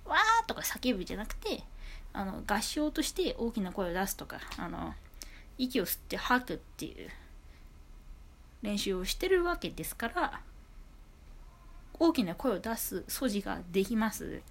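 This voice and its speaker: Chatty woman with a high, carrying voice. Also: sing-song, moderate pace, pauses often, a bit bright. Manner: chatty, rambling, many fillers and asides. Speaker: podcast host. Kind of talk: casual solo podcast talk. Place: at home. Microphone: iPhone on a low table.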